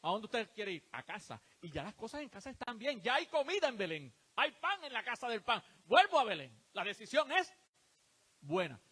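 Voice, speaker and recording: A male preacher with a high voice that rises and falls a great deal. He drives his sermon with rhetorical questions and answers them himself. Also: moderate pace, breathy edge. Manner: animated, rhetorical questions to the congregation.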